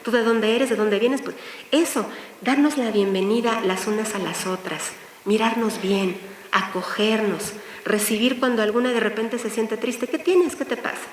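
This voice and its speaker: A woman's voice: mid-range voice, steady tone, normal speed. A woman speaking at a women's forum, addressing a live audience and guiding them through a visualization exercise. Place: hall with an audience. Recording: echoey hall, far from the mic, faint hiss.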